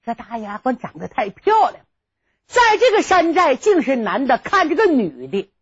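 A woman telling a traditional story with dramatic narration and lively sound words, on a dull lo-fi recording. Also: high voice, moderate pace, slightly rough.

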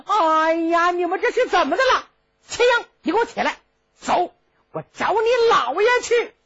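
A woman doing a shrill indignant old prince. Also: lively intonation, normal speed, gravelly, a bit bright, exaggerated voice. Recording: dull lo-fi recording.

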